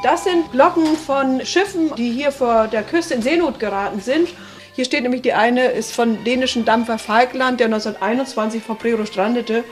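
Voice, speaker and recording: A woman museum guide tells stories in a chatty way, tagging her lines with "ne?". Her voice sits high. Soft music plays faintly behind her. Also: normal speed. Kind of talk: casual storytelling.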